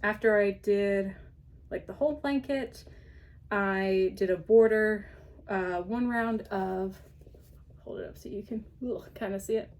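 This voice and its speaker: Speaking at a measured pace in a medium, darkish voice, a woman hosts her podcast in relaxed show-and-tell fashion. Her talk meanders with frequent ums and small laughs, and she's slightly breathless.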